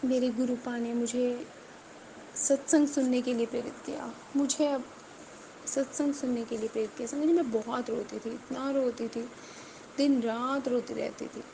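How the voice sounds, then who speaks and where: Woman, higher voice, earnest devotional testimony, repeats phrases, noisy background. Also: steady tone, moderate pace, vocal fry, dark tone. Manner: earnest, repeats phrases, addresses listeners as sangat ji. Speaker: devotee sharing her testimony.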